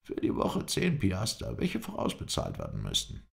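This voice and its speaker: Guy doing a higher fawning watchman voice, eager, gravelly underneath. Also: wildly swooping pitch, normal speed, heavily acted. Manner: ingratiating, eager to please.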